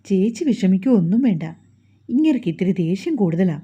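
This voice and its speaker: A woman's voice: medium pitch, sing-song, fairly quick, warm tone, husky. Woman reading as a cheerful teasing young man. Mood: teasing reassurance. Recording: dull lo-fi recording.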